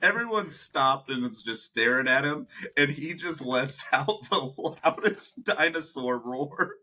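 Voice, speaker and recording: A young man co-hosting a podcast, telling animated stories in casual chat, laughing often and acting out what people said. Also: mid-range voice, takes it slowly. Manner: animated storyteller, laughs often, acts out quotes. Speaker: podcast co-host.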